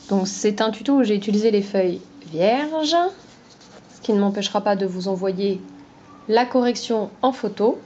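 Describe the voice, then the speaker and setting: Slow, patient French teacher woman. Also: medium pitch, a little mellow, muffled recording, a little hiss or hum. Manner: slow, patient, sing-song teacher talk to a child. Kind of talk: phonics lesson for young children.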